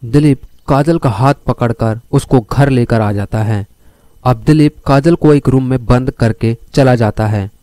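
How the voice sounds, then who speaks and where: A man telling a crime story, speaking straight to his listeners as he moves the plot along. His voice is dark and mellow, and the recording is close and dry. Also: medium pitch, dry recording. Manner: addresses listeners directly while telling the story.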